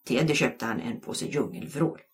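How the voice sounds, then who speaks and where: A woman reading a children's novel aloud with expressive storytelling. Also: rumbling low. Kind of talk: audiobook narration.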